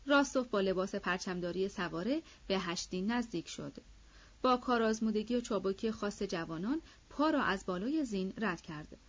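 A woman narrating a classic novel as an audiobook in a steady, measured reading. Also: mid-range voice, lo-fi sound.

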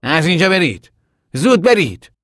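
A man's voice: mid-range voice, lively intonation, dry recording, studio quality, close to an everyday voice. An actor playing a firm, protective young man in a radio play, speaking directly. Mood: stern.

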